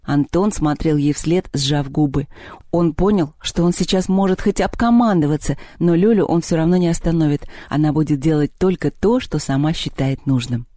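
Mellow-voiced audiobook narrator. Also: mid-range voice, normal speed, no room sound, clean studio sound. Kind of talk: scripted narration.

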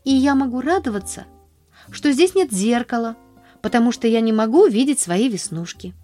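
A woman reading a storybook aloud, voicing an excitable cheerful little orphan girl with high, eager, breathless exclamations. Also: normal speed, faint music behind. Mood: delighted.

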